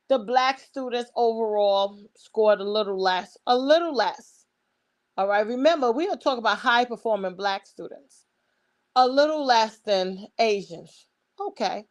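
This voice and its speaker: A woman with a Brooklyn accent giving opinionated commentary, speaking emphatically and informally. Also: fairly high pitch. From Brooklyn, New York. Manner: emphatic, rhetorical questions, swearing.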